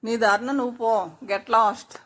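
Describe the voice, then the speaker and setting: A woman's voice: a little high, steady tone, slow pace, fairly bright tone. A woman voicing a proud, fearless, irritable young woman who answers curtly and snappishly. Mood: irritated. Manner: snappish, curt.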